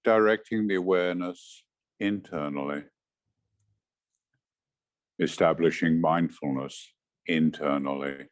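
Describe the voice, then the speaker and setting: In a dry recording, a man with a low voice guides meditation, his tone steady and his phrases short and measured. He is a meditation teacher who talks very slowly and softly, leaving gaps between each instruction.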